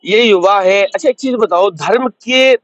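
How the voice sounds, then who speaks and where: A man's voice: sits high, measured pace, fairly bright tone, no echo, muffled recording. A man working as a roving reporter, firing probing questions at passersby and cutting in often. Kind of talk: street interview.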